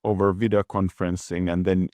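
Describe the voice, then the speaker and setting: Male exec guest, deep voice, deliberate and halting delivery, dry sound. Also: flat delivery, a little mellow, no echo. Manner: measured, thoughtful, frequent restarts and repeated words. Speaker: guest executive. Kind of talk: business interview.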